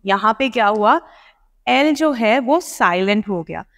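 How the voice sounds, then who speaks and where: A woman's voice: fairly high pitch, animated, unhurried. A woman PTE coaching teacher, explaining pronunciation to students in a spoken lesson. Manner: explanatory, addresses students directly. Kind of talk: spoken lesson in Hindi-English mix. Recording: long hall reverb.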